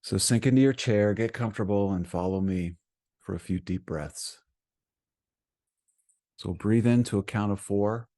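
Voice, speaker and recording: This is a man with a fairly low voice guiding a meditation as the teacher. His delivery is gentle and soothing, made up of brief phrases with many pauses between them.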